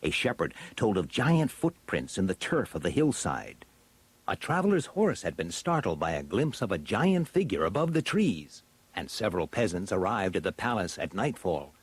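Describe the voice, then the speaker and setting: A man reading a fantasy storybook aloud as a theatrical, expressive narrator. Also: mid-range voice, slightly rough, dry recording. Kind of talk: dramatic scripted storybook narration.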